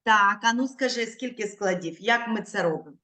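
Over a video call, a female primary school teacher gives young children an online literacy lesson, speaking slowly and clearly. She draws words out syllable by syllable and patiently prompts her pupils. Her medium-pitched voice sounds pushed and bright.

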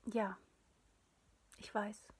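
A woman voicing a quiet, mysterious stranger who gently insists on being let in, in a whispered role-play. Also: drawn-out words. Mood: hushed pleading. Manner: soft, hushed, gently insistent. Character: mysterious quiet stranger guest, soft and persistent.

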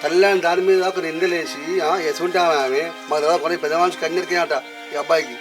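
A man doing a stern village elder with a Telangana Telugu accent. He talks fast and scolds as he questions. Loud music plays behind him. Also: on the high side, steady tone, close to an everyday voice. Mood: scolding. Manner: scolding, interrogating. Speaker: village elder mediating a dispute. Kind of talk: village short film acting. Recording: mic far off, music behind.

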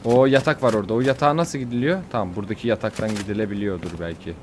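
A young man giving casual, excitable commentary on his own gameplay, fretting aloud and yelping at near falls. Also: lowish voice, racing, noisy background. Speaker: gaming YouTuber.

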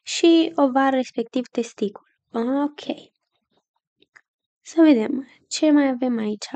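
A woman's voice: sits high, mellow. A young woman giving a casual exam review lesson, chatty and checking in often with her listeners.

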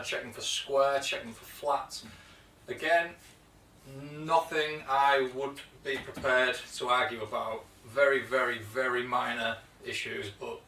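A chatty British woodworking host films a casual show-and-tell vlog in his indoor home workshop, speaking at a medium pitch with a bright, forceful tone. He rambles with fillers and restarts. A camera mic a few feet away catches the workshop's echo and a little hiss or hum.

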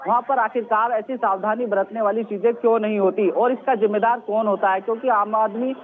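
A man's voice: high voice, steady tone, brisk. Man reporting live over a tinny phone line. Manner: earnest, questioning, repeats key points. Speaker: field reporter. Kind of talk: live news report from the scene. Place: outdoors at a mall.

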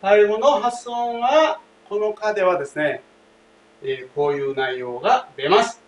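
A man with a high-pitched, slightly slow voice teaches a language lesson, speaking emphatically, repeating key phrases, and often addressing the class directly. The recording sounds roomy, with a distant mic and faint hiss.

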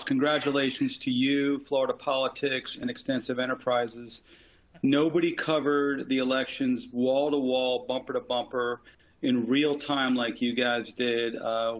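A man speaking as a panelist in an online discussion, giving emphatic, rapid-fire political analysis over a video call. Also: medium pitch, low-quality recording.

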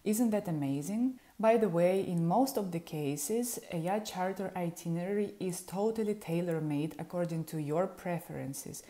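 Speaking at a moderate pace with few pauses, this woman has a fairly low, mellow voice and a Ukrainian accent. She's in her thirties, from Ukraine, and works as a yacht charter specialist, giving a friendly, informative vlog talk to the camera in a small home room. An earphone mic picks her up, framed as a webcam shot.

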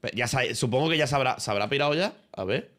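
A man's voice: medium pitch, animated, fast, a bit bright. A man from Spain with a Spanish accent, chatting casually and rambling on a livestream from his room, with plenty of swearing and slang. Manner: rambling, profane, slangy, talking to viewers and a friend. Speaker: streamer.

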